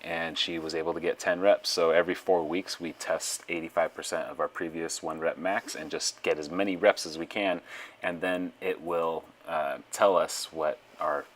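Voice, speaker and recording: A man speaking in a monotone voice-over, explaining a lifter's form as her strength coach. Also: low voice, moderate pace. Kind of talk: voiceover commentary.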